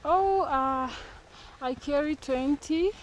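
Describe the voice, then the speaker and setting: High-pitched woman porter guiding from off-mic, faint noise behind. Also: slow pace. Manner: short, simple encouraging replies. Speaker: mountain porter guide. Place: outdoors on a mountain.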